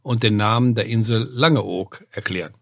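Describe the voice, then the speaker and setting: A man's voice: lowish voice, normal speed, vocal fry, dry recording, clean studio sound. An older man, a name researcher and professor, explaining word origins in a podcast, with many "ne?" tags and filler sounds. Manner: lecturing, often adds "ne?" and "äh", lively rises.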